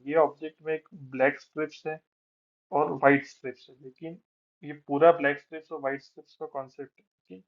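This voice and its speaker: भारतीय लहजे वाला एक पुरुष शिक्षक, जो हिंदी में मनोविज्ञान का पाठ समझाता है और अंग्रेज़ी अंश धीरे-धीरे पढ़ता है।. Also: male voice, a little high, muffled recording. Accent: Indian. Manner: mixes Hindi explanation with slowly read English passages, many filler phrases. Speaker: psychology teacher. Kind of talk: explaining a lecture, reading out English text slowly.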